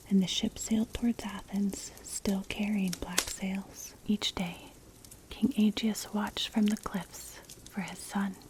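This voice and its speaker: A woman narrating a story for ASMR in a breathy, unvoiced whisper, gentle and measured, close to the mic. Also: medium pitch. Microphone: close mic, ear-to-ear ASMR. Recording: clear background noise, clicks. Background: crackling fire.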